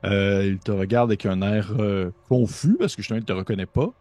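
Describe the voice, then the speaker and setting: A man's voice: on the low side, fairly quick, warm tone, dry recording. A man with a Québécois accent narrating a tabletop horror game as game master, hesitant with many fillers and restarts.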